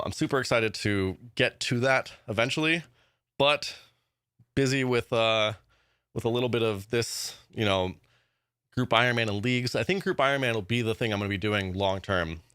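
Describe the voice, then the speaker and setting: A man giving a casual vlog update as a gaming YouTuber, excited and rambling with lots of fillers. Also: mid-range voice, clean tone, no room sound, clean studio sound.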